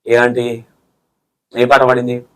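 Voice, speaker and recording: A man's voice: mid-range voice, completely flat delivery, slow, fairly bright tone. A man, bluntly pressing and scolding his interview guest with pointed questions. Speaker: interview anchor.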